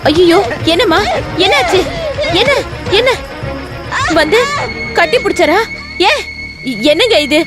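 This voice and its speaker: Brief: a devoted maid, high-pitched, protective, film music loud behind. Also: female voice, lively intonation, slow, long pauses, full character voice. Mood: alarmed. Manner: fierce when defending, tender when soothing. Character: protective maidservant caring for a mute girl.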